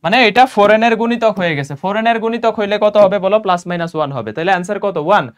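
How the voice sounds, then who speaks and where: A young male teacher with a high, smooth voice walks students through a math lesson. He fires quick questions at them and drops English terms into his explanations. He sounds a bit worn out, with less energy than usual. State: tired and a little low on energy after a run. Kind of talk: exam-prep math lesson.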